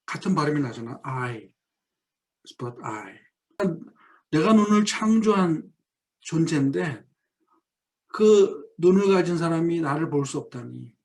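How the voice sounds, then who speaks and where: A middle-aged male professor giving a lecture on a poem, reading English verse lines very slowly and explaining them in plain speech. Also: fairly high pitch, expressive, darkish tone. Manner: explains in plain spoken Korean, acting out quoted lines.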